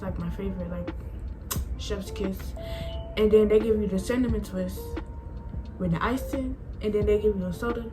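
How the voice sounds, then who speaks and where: Captured on a low-quality recording, a woman's mid-range voice rambles on. She's eighteen and vlogging about herself in casual talk to camera, chatty and constantly saying "like".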